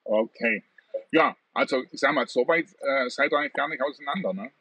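A man's voice: medium pitch, brisk, bright, forceful tone, no room sound, distant mic, low-quality recording. A middle-aged man hosting an interview over a video call, chatty with many fillers. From southern Germany. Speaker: talk show host. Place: room at home with plants.

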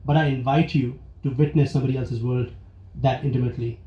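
A man from India telling a personal story live on stage, earnest and reflective, with pauses and restarts. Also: medium pitch, fairly even intonation. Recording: roomy, dull live venue recording.

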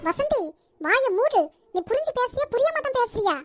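A woman's voice: extremely high pitch, expressive, moderate pace, music in the background. A woman voicing a stern elderly matriarch in a cartoon, with a Nagercoil Tamil accent and a scolding, commanding manner. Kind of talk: cartoon voice acting.

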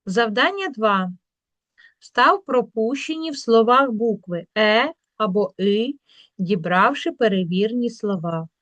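Slow, deliberate woman teacher. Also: fairly high pitch, lively intonation, fairly bright tone, dry recording. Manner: slow, drawn-out word demonstrations. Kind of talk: explaining a school workbook.

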